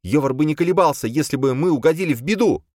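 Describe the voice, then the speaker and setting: A fiery, impatient young woman, put on by a male audiobook narrator who snaps in shrill, indignant bursts. The voice sits high above his own and leaps around with agitation. The room is dry, with no echo. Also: expressive, very fast, a little mellow, natural voice. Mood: heated.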